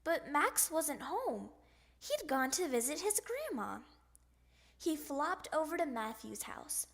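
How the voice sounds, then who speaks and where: Brief: high-voiced woman reading a kids' book slowly, playful sound effects. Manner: animated, sound-effect heavy. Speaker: storyteller. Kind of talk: picture book read-aloud.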